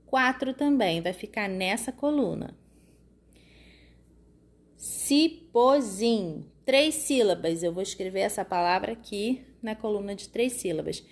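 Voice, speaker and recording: A woman teaching a lesson to young children, explaining patiently and often checking that they follow. She draws words out slowly when sounding out syllables. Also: medium pitch. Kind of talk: recorded classroom lesson for children.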